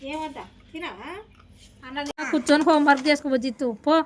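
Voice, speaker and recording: A woman's voice: sits high, steady tone, a little fast, a crowd in the background. A woman, a mother, talking casually with her young daughter at home, coaxing and scolding. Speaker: mother and vlogger.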